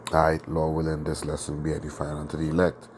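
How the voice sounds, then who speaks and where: A man with a very low, steady voice, made hoarse by a sore throat, teaches a scripture lesson to a religious group at a quick pace. He talks loosely, with many fillers and frequent tag questions checking in with his listeners. Faint hiss runs beneath the recording.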